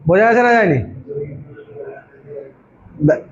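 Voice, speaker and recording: A man's voice: high voice, animated, measured pace, a little hiss or hum. A man teaching an exam-prep geography class, who keeps firing questions at his students and answering them himself. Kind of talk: informal classroom lecture. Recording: dull lo-fi recording.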